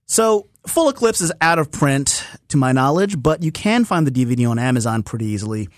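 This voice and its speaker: A man hosting a podcast, talking about a movie in an animated, opinionated way and laughing easily. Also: medium pitch, fairly quick, no echo, studio quality. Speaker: podcast host. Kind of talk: casual film discussion.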